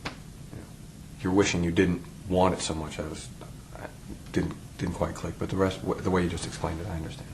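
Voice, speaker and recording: A man acts out an earnest husband in couples therapy, with a deep voice. He speaks haltingly and tries to reassure, in a role play recorded over clear background noise. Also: little pitch movement, lightly acted. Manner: halting, fumbling for words.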